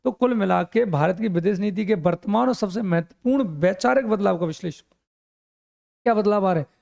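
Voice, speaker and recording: High, gravelly-voiced male coaching teacher. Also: fairly quick, a little mellow. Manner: explains in Hindi mixed with English terms, often asks and answers himself. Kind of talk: exam coaching lecture.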